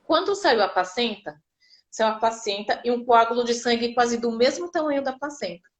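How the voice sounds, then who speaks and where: A woman's voice: fairly high pitch, lively intonation, normal speed. A Brazilian woman telling her birth story casually and vividly, acting out the people she quotes. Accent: Brazilian Portuguese.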